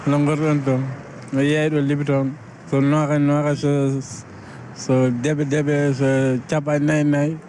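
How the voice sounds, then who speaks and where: A man's voice: fairly high pitch, flat delivery, takes it slowly, dark tone, slight background noise. A man selling coffee on the street, answering tersely and hesitantly. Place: outdoors on a city street.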